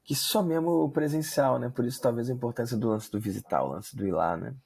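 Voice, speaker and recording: Man with a gravelly voice. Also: medium pitch, quick pace, darkish tone. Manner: short reactions, reflective follow-ups. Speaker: podcast host. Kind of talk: casual interview chat.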